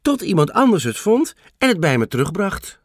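A man voicing a patient, kindly grandmother in a storybook reading, gentle and musing. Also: sits high, sing-song, moderate pace, no echo, clean studio sound, pitched above the performer's own voice.

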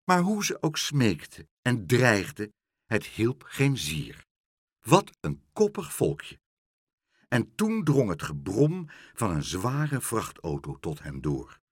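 A man's voice: lowish voice, takes it slowly, breathy edge, no echo, clean studio sound. A man reading a children's storybook aloud, narrating playfully. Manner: lively character voices, playful.

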